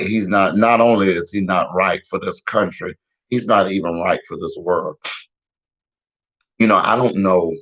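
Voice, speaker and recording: Deep-voiced man ranting, hoarse. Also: low-quality recording. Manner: profane, heated, repetitive, laughs at own jokes. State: a little hoarse. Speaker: vlogger giving street-style news commentary. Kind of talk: casual ranting commentary.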